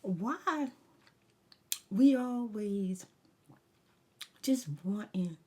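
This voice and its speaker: Slow, mellow woman rambling candidly. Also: mid-range voice, lively intonation. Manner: candid, emphatic, advice-giving with slangy asides. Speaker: ASMR vlogger. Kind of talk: casual rambling story time while eating snacks, ASMR.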